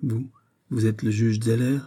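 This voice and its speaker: A man reading an audiobook, voicing a furious bearded Russian policeman who shouts and repeats himself. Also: medium pitch, fairly even intonation, a little slow, close to an everyday voice. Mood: furious shouting. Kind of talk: audiobook character voice.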